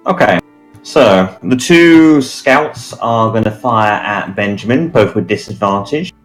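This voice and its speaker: Slow, low-voiced man running a tabletop game. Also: animated, soft background music. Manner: measured, pausing often with fillers. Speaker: game master.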